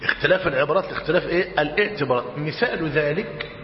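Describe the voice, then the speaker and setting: A man with an Egyptian accent teaching a religious lesson, slowly dictating and repeating each phrase and quizzing his students. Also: fairly high pitch. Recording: dull roomy hall recording, faint hiss.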